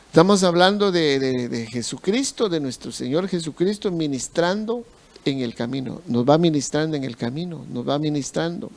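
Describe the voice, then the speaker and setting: A male pastor preaching a sermon slowly, repeating phrases for emphasis. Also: a little high, expressive, creaky.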